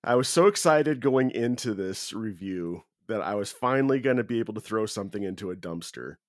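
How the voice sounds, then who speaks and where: A man's voice: fairly low pitch, expressive, brisk, no room sound, studio quality. A man co-hosting a podcast in casual chat, hesitant and repeating his words. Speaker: podcast co-host.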